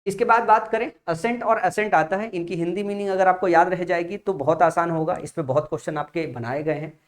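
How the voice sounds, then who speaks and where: A man's voice: high voice, fairly quick. A young man teaching a vocabulary lesson, explaining patiently and asking his students rhetorical questions while writing on a board. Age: young adult father. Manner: often checks in with "theek hai na". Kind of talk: classroom-style vocabulary lesson.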